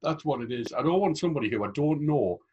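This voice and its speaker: A man's voice: on the high side, expressive, fast, a little mellow, slightly rough, highs cut off. A man co-hosting a podcast, chatting casually and joking as he rambles. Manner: joking, rambling, laughs often. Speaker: podcast co-host. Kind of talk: casual chat.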